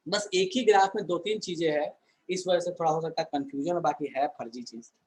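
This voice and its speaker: Chatty male teacher, slightly high voice. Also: brisk, low-quality recording. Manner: conversational, asks the class rhetorical questions. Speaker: chemistry teacher. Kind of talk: online class lecture.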